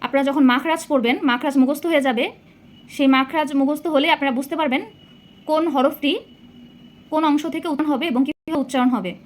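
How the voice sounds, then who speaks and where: A woman teaching Arabic letter pronunciation as a patient Quran reading teacher, sounding out each letter slowly and repeating it with care. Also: sits high, fairly even intonation. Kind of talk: slow recitation lesson.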